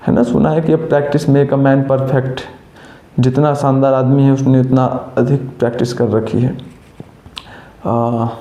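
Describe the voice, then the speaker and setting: Male coaching teacher, warm higher voice, roomy echo, scolds and motivates. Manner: scolding and coaxing students with rhetorical questions. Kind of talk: motivational classroom talk.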